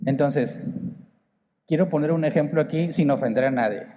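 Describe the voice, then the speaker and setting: Here the same northern Mexican-accented pastor sounds higher, speaking at a moderate pace as he poses rhetorical questions to his congregation in a relaxed sermon. The church hall gives a big-room sound, and the audio is dull with a little hiss or hum.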